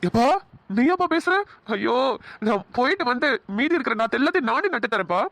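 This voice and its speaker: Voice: mid-range voice, lively intonation, fast, a bit bright, dry recording. A performer voicing a broke, scheming young man in a cartoon, stammering and evasive. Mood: pleading. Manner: hesitant, stammering fillers. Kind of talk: Tamil cartoon dubbing.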